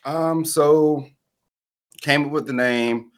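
A young man from Georgia, a restaurant founder talking as an interview guest, hesitant and full of pauses and fillers. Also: fairly high pitch, steady tone. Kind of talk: casual interview chat.

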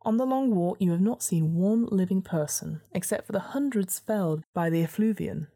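A woman's voice: mid-range voice, normal speed, warm tone. A woman narrating a gamebook adventure in a storybook reading style, with casual asides as host.

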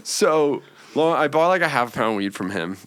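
A man's voice: medium pitch, expressive, normal speed, a bit bright, slight background noise. A man in his forties telling his story as an interview guest, rambling with fillers and restarts. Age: 40s. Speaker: interview guest, cannabis business owner.

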